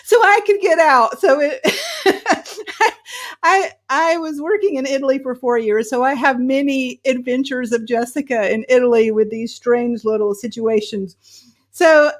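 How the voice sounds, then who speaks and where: Female talk host, high bright-pitched voice, chatty and upbeat, easy conversational questions. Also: unhurried. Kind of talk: casual interview chat.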